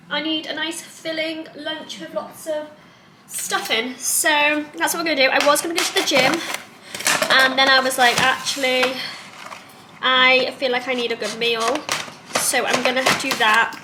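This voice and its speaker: A young woman chatting casually while she cooks, self-deprecating and swearing offhandedly, filmed on a camera set on a kitchen counter. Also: high voice. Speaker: vlogger. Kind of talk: casual vlog chat while cooking. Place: home kitchen. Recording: echoey kitchen with loud background noise.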